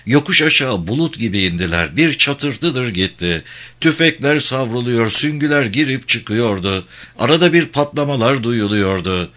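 Brief: male audiobook narrator, steady delivery, forceful bright tone. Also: mid-range voice, moderate pace. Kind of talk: scripted narration of a war novel.

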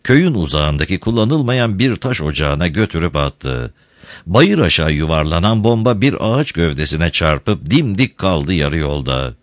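A man narrating a storybook, reading with expressive, dramatic pacing. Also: sits low, moderate pace, no room sound, clean studio sound.

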